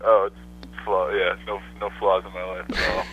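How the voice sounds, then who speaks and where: Deep-voiced guy on the phone, easygoing, lots of ums and likes, dull muffled line. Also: normal speed, a little hiss or hum. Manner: relaxed, loose, with many fillers. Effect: over the phone. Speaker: songwriter guest. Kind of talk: casual phone interview.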